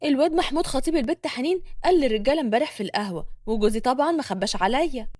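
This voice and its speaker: A woman's voice: high voice, rapid-fire, no echo, clean studio sound. A woman with an Egyptian accent voicing a gossiping neighborhood woman who spreads news eagerly. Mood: gossipy. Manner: gossipy, animated.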